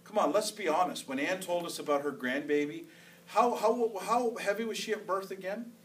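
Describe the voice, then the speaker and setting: High-voiced man preaching conversationally. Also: moderate pace, a bit bright, distant mic, a little hiss or hum, low-quality recording. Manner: conversational preaching, repeating phrases for emphasis. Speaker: pastor. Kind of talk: sermon. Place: church sanctuary.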